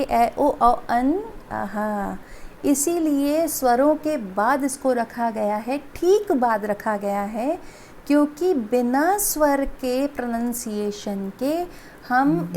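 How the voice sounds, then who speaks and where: A woman's voice: fairly high pitch, a little mellow, a little hiss or hum. A woman teacher giving a patient lesson to children, repeating examples and checking that they understand. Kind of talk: classroom Hindi lesson.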